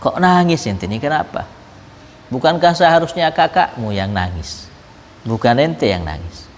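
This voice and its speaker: A man's voice: medium pitch, big pitch swings, normal speed, slight background noise, close to an everyday voice. A man voicing an astonished male traveler in a story, exclaiming in disbelief. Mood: incredulous. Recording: reverberant hall.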